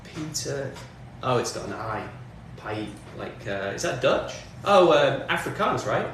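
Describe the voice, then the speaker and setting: A man's voice: medium pitch, big pitch swings, measured pace, a bit bright, far from the mic. A man from northwest England, chatting casually on a livestream as he answers comments. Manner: chatty, answers chat comments, talks while working. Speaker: music streamer. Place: home studio, in doors. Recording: very echoey room, off mic, faint background noise.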